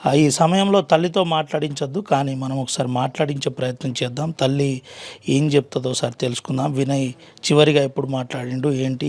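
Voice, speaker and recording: A man reporting from the scene of a news story and gently questioning a grieving family. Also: mid-range voice. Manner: urgent, repeats stock phrases, gently probing questions.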